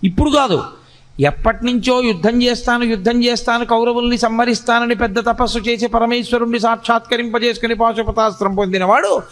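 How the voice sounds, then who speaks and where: High-voiced man giving a spiritual discourse. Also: steady tone, fairly bright tone. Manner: chants Sanskrit verses slowly, then scolds in rapid rhetorical questions. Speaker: religious discourse speaker.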